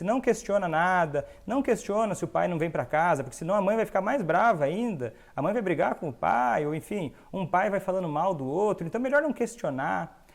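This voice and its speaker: A Brazilian man hosting an educational monologue, explaining calmly and now and then acting out the voices of children and parents. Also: high voice. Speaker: host, doctor.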